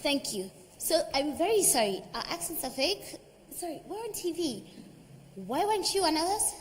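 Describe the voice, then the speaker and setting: Playful woman with a high voice. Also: sing-song, in a large hall, slight background noise. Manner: playful, quick-witted, laughing. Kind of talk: panel discussion.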